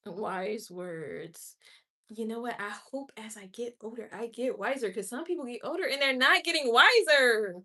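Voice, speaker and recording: A livestream host in her late twenties answers her viewers' comments head-on, chatting candidly and with strong opinions. Her voice sits a little high, with lively intonation, a moderate pace, and a pushed, bright quality.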